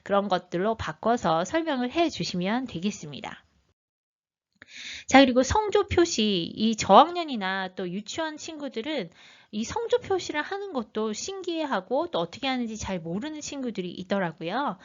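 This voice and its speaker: A woman teacher giving a lively training talk, acting out sounds as she would for young children. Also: a little high, normal speed, muffled recording.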